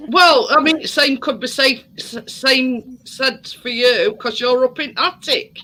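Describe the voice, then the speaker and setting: Lady about sixty, slow talker, playful, really bright high voice. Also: rough recording. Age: 60s. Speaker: host. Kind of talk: casual chat.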